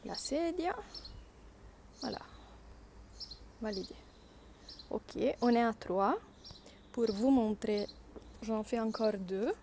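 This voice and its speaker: Speaking slowly with long pauses, an Italian woman with a slightly high, expressive and mellow voice demonstrates an app to workshop learners, hesitating a little as she narrates each click. Slight background noise is audible.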